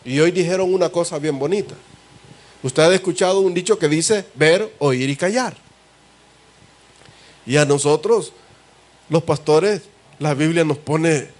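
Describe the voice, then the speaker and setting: A man's voice: a little high, darkish tone. A man with a Salvadoran accent preaching a sermon as pastor, talking conversationally and asking the congregation rhetorical questions. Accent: Salvadoran Spanish. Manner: conversational, asks the congregation rhetorical questions and calls them brother.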